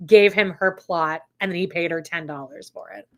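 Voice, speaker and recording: Bright Canadian woman cracking sarcastic quips. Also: on the low side, vocal fry. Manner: quick agreeing quips, sarcastic. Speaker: podcast co-host. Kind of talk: snarky casual watch-along chat.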